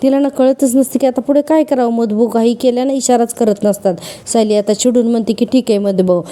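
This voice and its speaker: A woman recapping a TV serial episode in casual, animated storytelling that acts out the characters' lines. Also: a little high, brisk. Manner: animated storytelling, acting out quoted dialogue. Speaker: TV serial reviewer.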